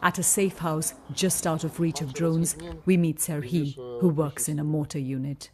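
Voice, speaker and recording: A woman reporting as a war correspondent, narrating a scripted frontline news report in a grave, measured way. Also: low-pitched, steady tone, crowd noise.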